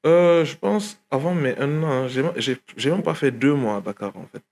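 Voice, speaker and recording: A man's voice: mid-range voice, animated, normal speed, creaky, darkish tone. A young man from Guinea, a rapper, talking casually in an interview with many fillers and restarts. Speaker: rapper guest.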